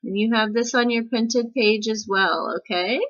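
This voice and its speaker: A woman teaches a recorded music lesson, talking slowly and patiently and checking in often with her students. Her voice is bright and a little high. The recording sounds dull and lo-fi. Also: steady tone. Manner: patient, step-by-step explaining with frequent "okay?" checks.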